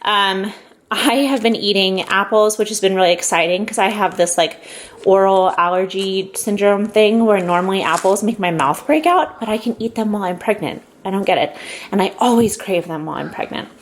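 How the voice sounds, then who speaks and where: Young pregnant mom rambling cheerfully bout her haul at home, mid pitch, faint hum behind. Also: moderate pace. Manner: chatty, upbeat, many fillers and asides. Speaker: vlogger. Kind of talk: casual haul vlog chat.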